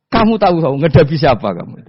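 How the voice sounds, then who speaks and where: A man voicing a fierce, bold old man who boasts and shouts at angels, in a dull, dry lo-fi recording. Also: on the high side, very animated, fast talker, breathy edge, dry recording, voice pushed up. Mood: boastful, defiant.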